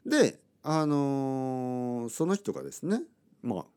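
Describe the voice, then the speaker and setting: Man with a lively, animated delivery and a middle pitch for a chatty story vlog; talks loosely with fillers and plays the people he quotes. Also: slow pace, clean tone. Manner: chatty, acts out quoted lines in other voices; laughs often between remarks. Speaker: vlogger telling a personal story. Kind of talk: casual storytelling monologue.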